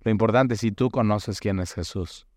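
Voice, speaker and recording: A man's voice: on the low side, normal speed, no echo. A man preaching a sermon, emphatic and repetitive, often restarting his words.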